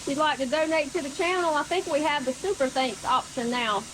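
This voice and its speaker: A woman's voice: high voice, brisk, noisy background. A woman co-hosting a shop vlog, plainly explaining things to viewers. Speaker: co-host. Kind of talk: casual shop vlog talk. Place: auto shop garage.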